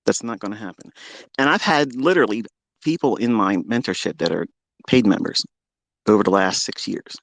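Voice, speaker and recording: At normal speed and with a creaky voice, a man rants as a trading mentor on live audio, boasting, swearing, and taunting his challengers. He swings between loud jabs and low asides in this combative rant, with no echo.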